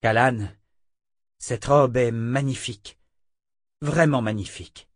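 A man's voice: mid-range voice, takes it slowly, no room sound, clean studio sound. A man reading an earnest young swordsman.

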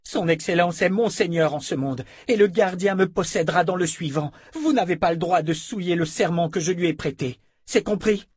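A man voicing a fierce young woman, a vehement and imperious sorceress of a dark order, in an audiobook. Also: high-pitched, moderate pace, few pauses, slightly rough, no room sound, pitched above the performer's own voice. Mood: furious.

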